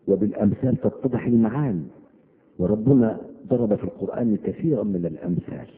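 A man giving a religious lesson, explaining verses word by word and repeating key words with climbing emphasis. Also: lowish voice. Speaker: Islamic teacher explaining scripture. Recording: tinny radio broadcast.

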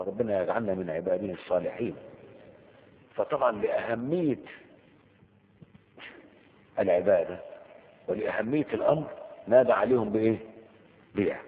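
A man with a lowish voice and an Egyptian Arabic accent teaches Arabic grammar in a colloquial lecture with Quranic quotes. He poses questions and answers them himself, heard in a big room over phone-quality audio.

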